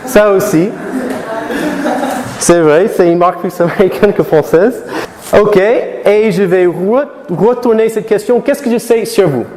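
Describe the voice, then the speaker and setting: In a lecture hall with heavy echo and long reverb, a middle-aged man from the United States speaks in a high-pitched, darkish voice. He's a native English-speaking lecturer at a live conference for students. His speech halts with restarts, and he poses many questions to the audience.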